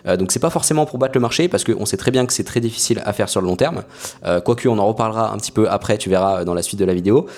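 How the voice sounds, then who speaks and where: Young male YouTuber, fast and hesitant, explaining casually to camera. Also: on the low side, darkish tone. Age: young adult. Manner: frequent hesitations with many "euh" fillers. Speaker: finance YouTuber.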